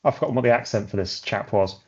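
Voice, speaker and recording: A man voicing a theatrical evil male villain professor in a high, loud, exclaiming voice. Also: fast, lo-fi sound, natural voice. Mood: grandly exclaiming.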